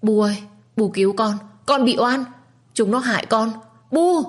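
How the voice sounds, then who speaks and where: A woman voicing a spiteful, scheming young wife who accuses loudly and shrilly. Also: fairly low pitch, animated, a little fast, slightly rough. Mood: panicked.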